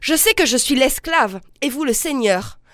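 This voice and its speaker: A woman reading aloud the lines of a proud young wife who answers in an icy, measured, defiant manner. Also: sits high, lively intonation, fairly bright tone, dry recording, clean studio sound, voice pushed up.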